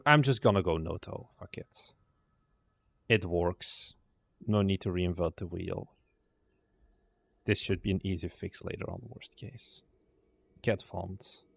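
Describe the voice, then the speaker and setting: A young indie game developer, a native Dutch speaker, mutters to himself while thinking aloud on a casual livestream, trailing off and swearing now and then. His voice is low, creaky and a bit bright.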